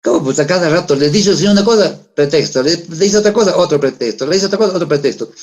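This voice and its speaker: A man's voice: on the high side, animated, fast talker, darkish tone. A middle-aged man, preaching a sermon in a conversational way, asking the congregation rhetorical questions. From Peru. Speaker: pastor.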